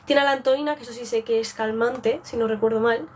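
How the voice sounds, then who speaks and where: A woman's voice: fairly high pitch, steady tone, a little fast, a little hiss or hum. A young woman from Spain with a Spanish accent, chatting casually on a live beauty stream and rambling off track. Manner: rambling, chatty, self-interrupting.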